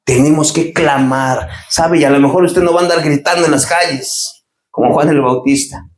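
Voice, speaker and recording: A man preaching a sermon as pastor, swinging from raised, urgent lines to low, quiet asides. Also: steady tone, normal speed, roomy sound. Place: church.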